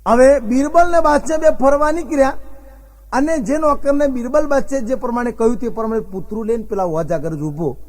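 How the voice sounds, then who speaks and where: A man's voice: extremely high pitch, fairly quick, darkish tone. A man from Gujarat, telling folksy comic stories as a stand-up comedian and acting out the dialogue. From Gujarat, India. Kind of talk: comic storytelling on stage.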